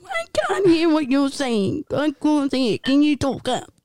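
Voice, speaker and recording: A New woman hosts a podcast in loose, slangy chat, laughing and teasing as she goes. Her voice is high. The sound is dry and close. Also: lively intonation, a little slow, darkish tone, no echo. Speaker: podcast host.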